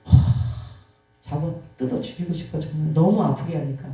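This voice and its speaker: A guest preacher with a deep voice and normal pace delivers an emotional testimony sermon in a church sanctuary. She tells her stories vividly and with animation, sighing and acting out quotes. The recording comes from far off in an echoey hall.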